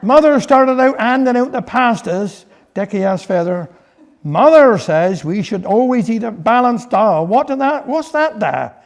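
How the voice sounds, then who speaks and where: A man's voice: very high-pitched, expressive, measured pace. A man with a Cornish West Country accent telling a folksy dialect story, slipping into dialogue as he narrates. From Cornwall, England.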